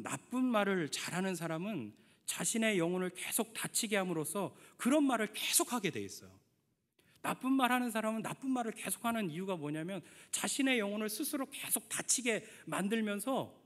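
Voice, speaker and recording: A middle-aged male pastor preaching an emphatic sermon, putting questions to the congregation and telling stories from his family. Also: high voice. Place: church sanctuary. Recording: long church hall reverb.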